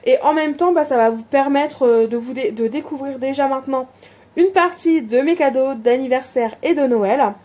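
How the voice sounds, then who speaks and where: Chatty high-voiced woman, crafting vlog. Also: normal speed, dark tone. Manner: chatty, lots of fillers and self-corrections. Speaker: crafting vlogger. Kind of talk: casual show-and-tell vlog.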